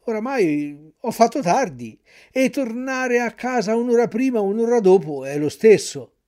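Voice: mid-range voice, animated, moderate pace, warm tone, voice pushed up, lightly acted. A storyteller voicing Pinocchio, a puppet boy torn by temptation, speaking in a wistful, hesitant, wondering way.

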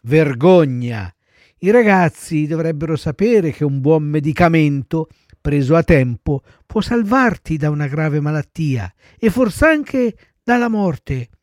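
A man voicing a patient, motherly fairy who speaks calmly and coaxingly. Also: on the high side, measured pace, no echo, clean studio sound. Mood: gently scolding.

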